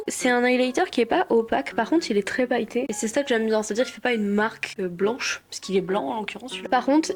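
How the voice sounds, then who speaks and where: A woman from France chatting casually through a makeup tutorial, with self-mocking asides. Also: fairly high pitch. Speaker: makeup vlogger. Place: home room at a desk.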